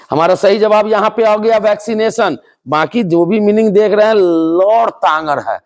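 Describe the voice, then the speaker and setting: A man teaching English spelling and pronunciation to board exam students, animated and joking as he playfully scolds the class. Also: high voice.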